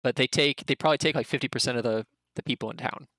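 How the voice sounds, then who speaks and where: A man narrating a tabletop game as game master, in an informal, slangy, halting way. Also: mid-range voice, a bit bright, no room sound.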